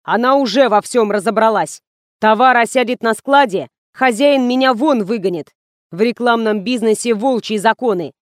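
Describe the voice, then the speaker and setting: A woman reading the part of a young advertising manager who coaxes, then shouts and panics. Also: a little high, normal speed, no echo, studio quality, natural voice. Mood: panicked. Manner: bossy, then loud and panicky.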